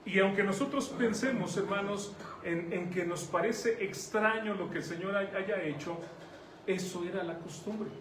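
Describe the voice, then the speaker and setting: Mexican pastor, high voice, conversational sermon, echoey hall, mic set back from him. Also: male voice, normal speed, a bit bright. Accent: Mexican Spanish. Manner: conversational preaching, asks the congregation questions. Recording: echoey room, mic at a distance, faint noise.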